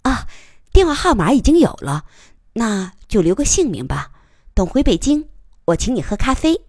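A woman voicing a feisty, sharp-tongued young woman journalist who fires back in rapid retorts. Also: on the low side, big pitch swings, no room sound, studio quality. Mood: teasing.

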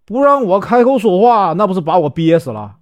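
A male storyteller voicing a rough, hot-headed outlaw who talks loud and blunt. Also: high-pitched, very animated, fairly quick, muffled recording, voice pushed up. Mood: boisterous.

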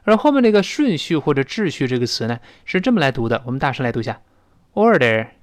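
Animated Chinese-speaking male teacher. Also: medium pitch, dry recording. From China. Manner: lively explaining, demonstrating sounds slowly and loudly. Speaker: English teacher. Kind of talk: recorded language lesson.

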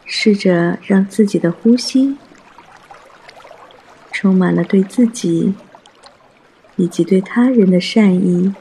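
A man guiding a mindfulness meditation in a soft, hushed, breathy voice, gentle and soothing, with long pauses. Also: high voice, low-quality recording. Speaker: meditation guide.

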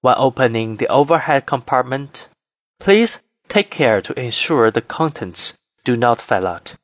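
A man reading scripted cabin announcements as a flight attendant, in a formal, measured, phrase-by-phrase manner. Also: mid-range voice, expressive, no echo, studio quality.

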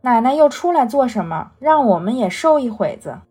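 A woman's voice: a little high, sing-song, normal speed, warm tone, slightly rough, faint music behind. Woman voicing a cheeky young maidservant. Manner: playful, cheeky banter.

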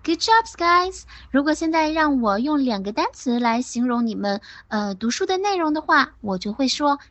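Bright, high-voiced woman teaching English. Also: very animated, no room sound. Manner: warm, encouraging, exaggerated slow modeling of English words. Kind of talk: children's picture-book English lesson.

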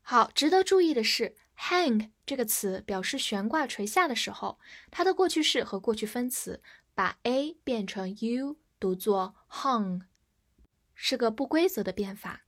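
Woman teacher going over vocab, spells stuff out letter by letter, a bit high voice. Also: animated, a bit bright. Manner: slow, careful spelling of words letter by letter; has learners repeat after her. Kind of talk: recorded vocabulary lesson.

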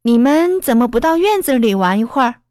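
A woman's voice: fairly high pitch, sing-song, fairly quick, no echo, studio quality. A woman putting on a cocky stubborn little boy. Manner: sulky, boastful, then yelling.

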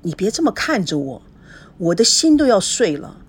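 A woman's voice: medium pitch, big pitch swings, normal speed, slightly rough. A woman voicing a desperate young husband who pleads urgently. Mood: pleading.

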